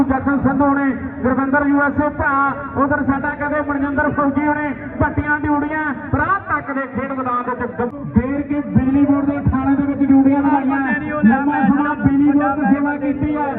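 A man with a Punjabi accent giving frantic rural sports commentary on kabaddi, excitedly chanting and repeating phrases. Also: very high voice, brisk. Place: outdoor village sports ground. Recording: tinny distant echoing PA, crowd noise.

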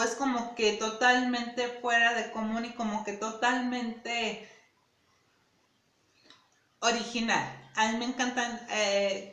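A woman's voice: a little high, a bit bright, roomy sound. A woman reviewing perfumes in a casual, chatty way, often repeating herself and asking "¿sí?". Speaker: beauty vlogger.

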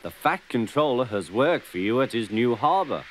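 A man's voice: medium pitch, sing-song, normal speed, a little hiss or hum, natural voice. A man voicing a kind, reassuring older engine with a friendly manner. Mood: kindly.

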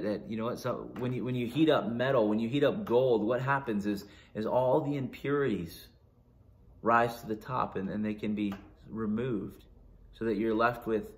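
A man's voice: mid-range voice, moderate pace. A man with a Canadian accent preaching a sermon as pastor, earnest, with frequent restarts and rising emphasis on key phrases.

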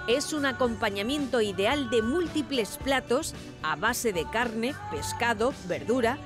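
A woman reading a scripted voice-over narration, measured and informative. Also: fairly high pitch, lively intonation, over music. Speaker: documentary narrator.

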